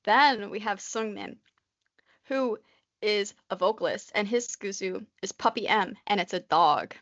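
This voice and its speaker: A woman's voice: mid-range voice, a little slow, a bit bright. Rambling young woman, lo-fi podcast audio. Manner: rambling, constantly says "like", nervous chatter. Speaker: podcast co-host. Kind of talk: casual chat.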